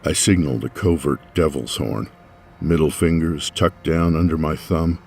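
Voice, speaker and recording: A man reading a first-person novel aloud as an audiobook narrator, wry and expressive. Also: extremely low pitch, vocal fry, slight background noise.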